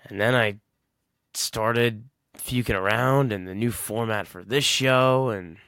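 A man in his twenties hosts a solo podcast, speaking slowly in a lowish, slightly bright voice. He's casual and reflective, rambling and frequently correcting himself. The sound is dry and clean, studio quality.

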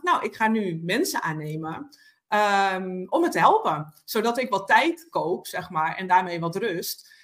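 A woman's voice: mid-range voice, a bit bright. A woman guest on a podcast, telling her own story in a reflective way with many hesitations and fillers. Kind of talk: personal storytelling in conversation.

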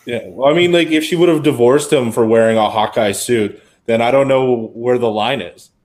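A man's voice: medium pitch, normal speed, darkish tone. Rambling man chatting casually. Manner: rambling, heavy use of "like". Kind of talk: casual chat about a TV series.

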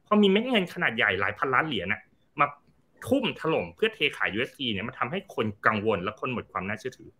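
A man talks through a market crash on a talk show, explaining step by step and giving examples. His voice is strikingly bright, and his pitch swings widely as he talks. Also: very animated, quick pace. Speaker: crypto advisory firm CEO, guest.

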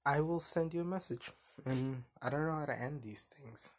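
A young man hosting a casual solo podcast, talking in a flat, monotone voice that rambles and hesitates with lots of fillers. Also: fairly high pitch, normal speed. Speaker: podcast host.

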